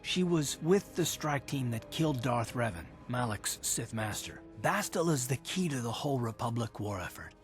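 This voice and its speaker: An actor voices a resolute, weary Republic soldier in a dramatic video game style, explaining things earnestly and with some urgency in a determined mood. His medium-pitched voice is animated, close to an everyday voice, and moves at a moderate pace with hardly any pauses. Faint music plays behind him.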